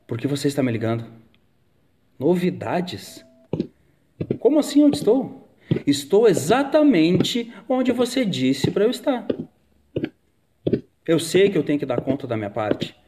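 An actor with a Brazilian accent playing a stern, probing police investigator in a radio drama, theatrical and pressing. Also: male voice, medium pitch, animated, moderate pace, a little mellow, natural voice. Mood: tense, irritated.

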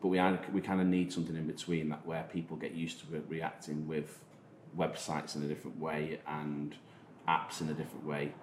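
Male podcast host, Manchester accent, very deep register, rephrases as he goes, faint background noise. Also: little pitch movement, fairly quick, hardly any pauses. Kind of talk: casual discussion of digital marketing. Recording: roomy echo, faint noise.

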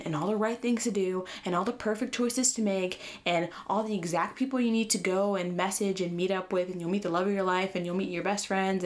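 A young woman with a slight lisp, hosting a casual solo podcast and giving earnest advice in a chatty way. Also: medium pitch. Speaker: podcast host.

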